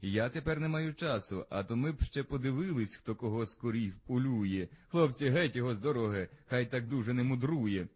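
A man voicing a proud, scornful knight who mocks and gives orders loudly in a storybook poem. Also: mid-range voice, brisk, hardly any pauses, slightly rough, close to an everyday voice. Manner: loud, mocking and commanding.

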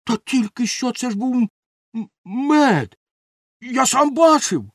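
A silly, excitable storybook helper, as a man puts him on, high and sing-song with plenty of pitch leaps. The voice is husky and recorded dry and close. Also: a little slow, dry recording, exaggerated voice. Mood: excited arguing. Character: silly cheerful male helper, boastful and excitable.

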